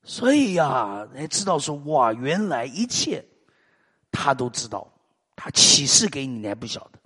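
A middle-aged man from Taiwan, preaching a sermon with lively storytelling and frequent hallelujahs and amens. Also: medium pitch, measured pace, husky, big-room sound.

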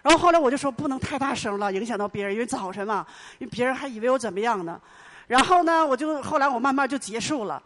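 A middle-aged woman giving an emotional personal testimony in church, telling her story earnestly and with much repetition. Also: a little high. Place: church hall.

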